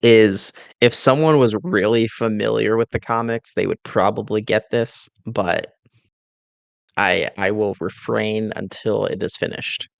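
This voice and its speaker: Low, creaky man pitching a movie eagerly. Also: unhurried, no room sound. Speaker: podcast co-host pitching a movie. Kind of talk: casual movie pitch discussion.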